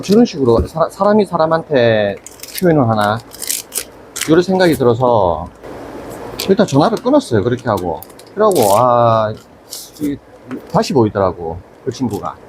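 Gyeongsang-accented shop owner, storytelling vlog, swooping pitch, noisy room behind him. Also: male voice. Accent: Gyeongsang Korean. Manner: animated, retells his own angry exchanges. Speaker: aquarium business owner. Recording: noisy ambient background.

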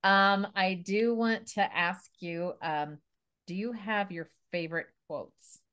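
A woman hosting a podcast in casual interview chat, bubbly and quick to laugh, with many restarts. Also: medium pitch, fairly bright tone, clear, resonant tone. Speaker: podcast host.

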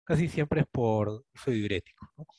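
A man with a Peruvian Spanish accent teaches a clinical case, thinking aloud and quizzing his students as he goes. His pitch sits in the middle range, and the sound is close and dry. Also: lively intonation, normal speed, mellow, no echo. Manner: explains step by step, often asks students questions with a rhetorical "¿no?". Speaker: attending physician teaching a case discussion.

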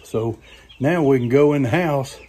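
With a warm, mid-range voice at normal speed, a homesteading vlogger chats folksy and casual while filming himself on his phone at arm's length. The how-to vlog takes place outdoors at his farm's barn and backyard, he says "y'all," and a little hiss or hum is audible.

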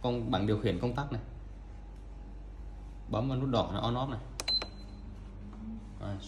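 A man showing an air cooler in a casual walkthrough, halting with fillers and counting parts aloud. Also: mid-range voice. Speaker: salesman demonstrating an air cooler. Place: large tiled showroom indoors. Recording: echoey room with loud fan noise.

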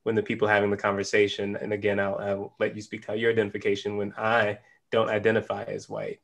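Host guy with a raspy fry, thinking out loud from his book-lined study, desk mic. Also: fairly low pitch, completely flat delivery, fast talker. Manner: reflective, thinking aloud. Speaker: professor, host. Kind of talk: interview questions. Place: home study with bookshelves. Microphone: desk microphone on a video call.

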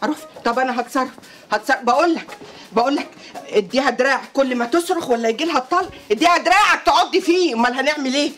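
Grouchy half-asleep guy on the phone, quick talker. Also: very high voice, fairly bright tone. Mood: grumbling. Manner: groggy then grumbling. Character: grumpy sleepy man woken at dawn. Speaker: man woken by a phone call. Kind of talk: comic TV drama acting.

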